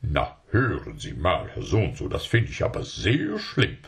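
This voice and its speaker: Ein Mann spielt einen schmeichelnden Verkäufer. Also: male voice, extremely low pitch, wildly swooping pitch, creaky, exaggerated voice. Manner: wheedling, fast bargaining talk. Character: smooth-talking male salesman, scheming, persuasive.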